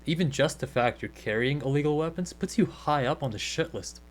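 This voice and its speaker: A man's voice: on the high side, fairly quick, natural voice. A man playing a blunt, casually sceptical government agent questioning someone in a naturalistic radio play. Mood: probing, offhand.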